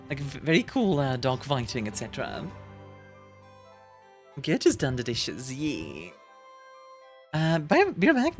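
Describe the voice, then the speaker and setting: Reading out her live chat, a streamer from Belgium talks casually with viewers in a low voice. Her English leans British, and she's giggly and bubbly, packing her speech with fillers.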